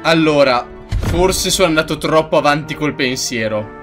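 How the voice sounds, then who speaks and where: A man's voice: fairly high pitch, expressive, normal speed, music in the background. A man in his thirties giving casual gameplay commentary with irreverent, sweary asides. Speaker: game streamer.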